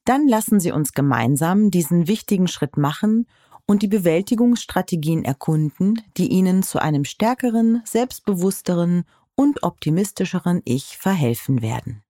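A woman giving calm, measured, soothing scripted narration as a guide to relaxation exercises. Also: lowish voice, no echo, studio quality.

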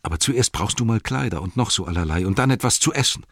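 Loyal, earnest male hobbit servant, read by a man, husky, dry close reading. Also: on the low side, animated, quick pace, fairly bright tone, no room sound, pitched above the performer's own voice, heavily acted. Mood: determined. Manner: earnest, protective. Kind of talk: audiobook character voice.

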